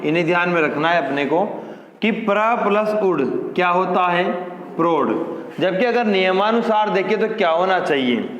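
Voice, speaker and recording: A man's voice: high-pitched, fairly bright tone, roomy sound, big-room sound, slight background noise. A man teaching a grammar lesson, who asks questions and then answers them himself.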